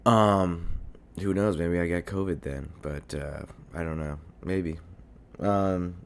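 This time the congested young podcast host takes it slowly, his deep, hoarse voice holding a steady tone. Alone at a desk mic near his computer at home, he rambles casually with lots of fillers and swearing, and there's slight background noise.

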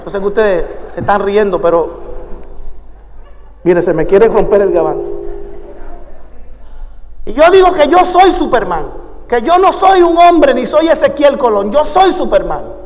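A man's voice: sits high, sing-song, a little slow, pauses often, slight background noise. A man preaching a sermon, playful at times and building to fervent, repetitive calls. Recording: long hall reverb.

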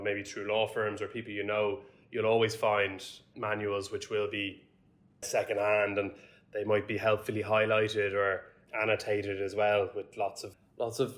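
A young man with an Irish accent giving conversational advice as a podcast guest, measured and repeating words as he thinks. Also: on the low side, a bit bright. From Dublin, Ireland.

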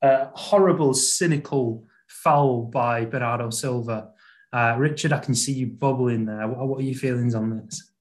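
Male podcast host, mid-pitched voice. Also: moderate pace. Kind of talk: casual football chat.

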